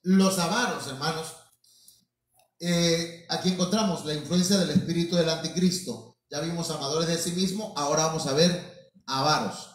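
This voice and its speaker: A man's voice: fairly high pitch, moderate pace. A man preaching a sermon in a church hall, often calling his listeners brothers and restarting his words as he goes. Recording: very echoey room, mic at a distance.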